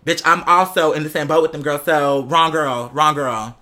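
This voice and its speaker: In a steady, moderately paced voice that is mid-range, pushed and bright, a young adult American vlogger shares gossip with her patrons. Her casual storytelling is sassy, slangy and emphatic, repeating phrases for effect.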